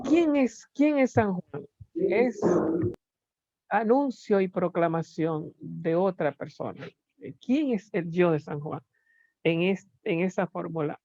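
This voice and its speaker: A lecturer teaches a class slowly and deliberately, often pausing to find the next word and leaning on rhetorical questions. The voice is medium-pitched and a little mellow. The recording is dull and lo-fi, dry and close with no echo.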